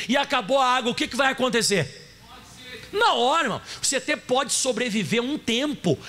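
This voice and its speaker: A man's voice: very high-pitched, pushed and bright. A Brazilian man preaching a sermon as pastor, rising and dropping dramatically and acting out quoted voices. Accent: Brazilian Portuguese. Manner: preaching with dramatic rises and drops, acting out God's voice.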